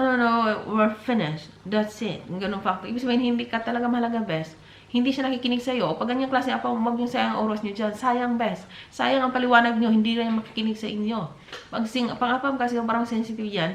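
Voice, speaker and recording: Chatty woman vlogger in an echoey room. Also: fairly high pitch. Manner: chatty, keeps calling viewers "bes" and "te"; mixes in English phrases. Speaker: vlogger giving dating advice. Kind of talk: casual advice vlog. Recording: roomy echo.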